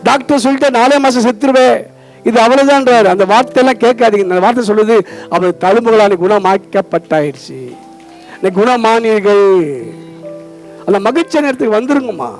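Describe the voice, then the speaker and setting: A man with a Tamil accent preaches a fervent sermon in a strikingly high voice. He calls out to his listeners again and again and echoes their readings back to them. Soft music plays beneath him. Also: fairly quick. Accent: Tamil Nadu. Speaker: pastor.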